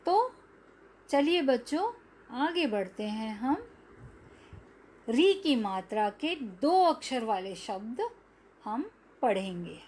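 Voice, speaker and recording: A woman's voice: on the high side, expressive, takes it slowly, long pauses, darkish tone, a little hiss or hum. A woman teacher giving a language lesson to young children, stretching out each syllable.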